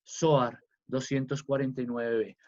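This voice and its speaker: A man teaching a religious class in a slow, emphatic way, with fillers and restarts. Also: mid-range voice, flat delivery, darkish tone. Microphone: video class recording. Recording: dull lo-fi sound.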